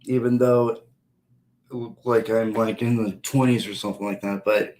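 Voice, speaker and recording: A man's voice: fairly low pitch, steady tone, normal speed, darkish tone, echoey room, low-quality recording. A man in his thirties from Ohio, live-streaming and chatting loosely and profanely with his viewers. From Ohio, USA. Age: 30s. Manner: loose, profane, talks straight to chat.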